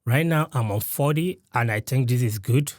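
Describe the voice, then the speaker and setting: A man's voice: mid-range voice, normal speed, no echo. Man demoing a studio mic, dry sound. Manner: explanatory, walks through settings step by step. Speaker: gear reviewer. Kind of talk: mic test demonstration. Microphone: studio condenser mic close up.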